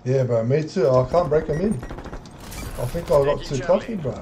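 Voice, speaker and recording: A man's voice: a little high, expressive, normal speed. A man chatting casually while streaming an online shooter, a hyped gamer bro full of slang and swearing. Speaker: gaming streamer. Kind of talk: casual chat during online shooter gameplay. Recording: loud game gunfire and noise behind. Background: gunfire from a shooter game.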